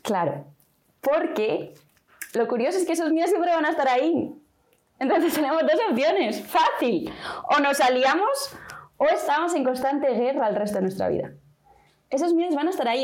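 A woman's voice: sits high, expressive, normal speed, darkish tone. A woman guest, a vocational mentor, talking in a conversational interview and acting out inner voices as dialogue.

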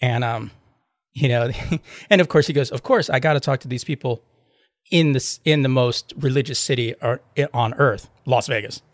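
A man's voice: mid-range voice, moderate pace, no echo, clean studio sound. A man chatting casually as a podcast host, telling anecdotes in a rambling way and acting out both sides of retold exchanges. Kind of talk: casual chat, retelling anecdotes.

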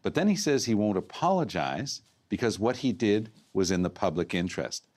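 A man's voice: fairly low pitch, big pitch swings, normal speed, a little mellow. A man giving news commentary, posing pointed rhetorical questions.

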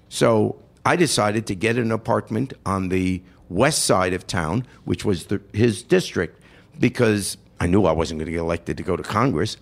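A man's voice: fairly low pitch, vocal fry. An older man from New York, hosting and telling a long personal story with quoted voices. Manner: animated anecdote with quoted voices. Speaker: host.

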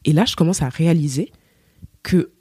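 A woman's voice: deep voice, moderate pace, husky, no room sound. Singer lady from cameroon chatting, acts out what people said, dry close sound. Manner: animated storytelling, acts out quoted voices. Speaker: singer, podcast guest. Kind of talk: casual interview chat.

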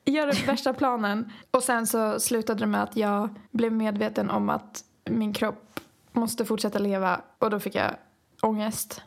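A woman's voice: medium pitch, fairly even intonation, vocal fry, hardly any pauses. A young woman co-hosting a casual chat, telling a story with frequent laughter and swearing. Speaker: podcast co-host.

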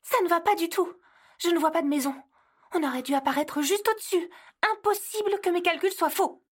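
A woman's voice: very high voice, lively intonation, normal speed, voice pushed up. A woman voicing an anxious, cautious female Christmas elf who worries constantly. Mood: worried. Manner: worried, fretful.

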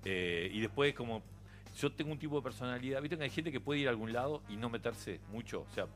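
A man's voice: mid-range voice, lively intonation, quick pace, faint music behind. A middle-aged man with a Uruguayan accent, chatting as a radio guest, telling anecdotes with frequent laughter and restarts. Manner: chatty storyteller, laughs often, many restarts. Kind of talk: relaxed radio conversation. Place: radio studio.

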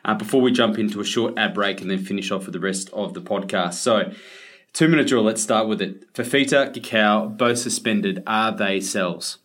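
An Australian man hosts a sports podcast in a fairly low voice. His delivery is casual and conversational, like someone running through an agenda with a mate. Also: normal speed, a bit bright. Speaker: podcast host.

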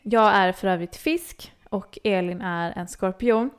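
A woman's voice: mid-range voice, clean tone. A young woman co-hosting a casual chat podcast, telling stories with animation and acting out her own reactions. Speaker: podcast co-host.

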